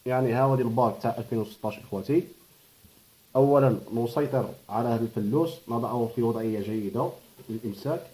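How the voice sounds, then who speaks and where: Fast-talking Algerian man, mellow voice. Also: medium pitch, poor audio. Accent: Algerian Arabic. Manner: murmurs blessings softly while working. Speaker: pigeon breeder. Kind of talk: hands-on how-to tutorial.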